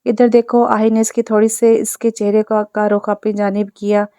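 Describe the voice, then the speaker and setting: Woman reading a romance novel out loud, really flat steady delivery, dry close mic. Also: medium pitch, clean tone, no room sound. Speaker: narrator.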